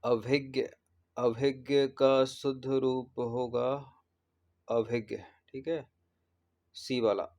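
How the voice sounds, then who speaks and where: Male tutor, steady monotone delivery, patient, repeats each word while walking through answers. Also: medium pitch, slow pace, pauses often. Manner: repeats words, corrects spellings patiently. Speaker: exam prep teacher. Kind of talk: explaining test answers.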